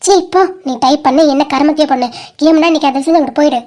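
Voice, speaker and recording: A woman's voice: sits high, fairly even intonation, quick pace, a little mellow, close to an everyday voice. A woman voicing a fiery, quarrelsome young college girl in an amateur cartoon, scolding and threatening shrilly. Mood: angry. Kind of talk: amateur animated cartoon dub.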